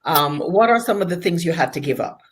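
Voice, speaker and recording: Lower-voiced woman host, encouraging and enthusiastic, stumbles into her sentences. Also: animated, a little fast, breathy edge. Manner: enthusiastic, encouraging, repeats words when starting. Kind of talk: online interview.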